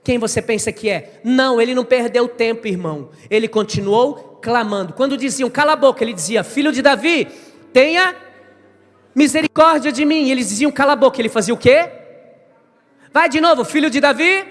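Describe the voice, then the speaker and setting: A male pastor preaching a lively sermon, acting out scenes and voices and rising to shouts at the peaks. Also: very high voice, fairly quick, in a large hall. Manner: fervent, acts out biblical dialogue, shouts climaxes. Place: church service.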